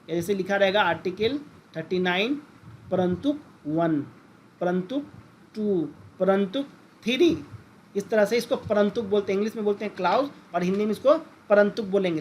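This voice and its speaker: Calling his listeners friends, a high-pitched man delivers a lesson in lecture style over a slight hiss or hum. He keeps questioning the class and repeats the key terms.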